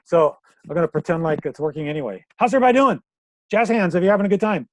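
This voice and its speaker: A man's voice: sits high, expressive, rapid-fire, dry recording. An older man teaching chess in an online workshop over a video call, upbeat and jokey, with riddles for the group.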